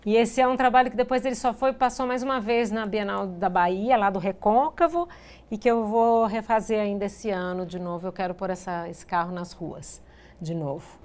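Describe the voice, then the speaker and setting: A woman's voice: mid-range voice, moderate pace, darkish tone. A woman artist giving a talk to educators with a Brazilian Portuguese accent, conversational, acting out dialogue and often adding tag questions. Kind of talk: lecture with anecdotes.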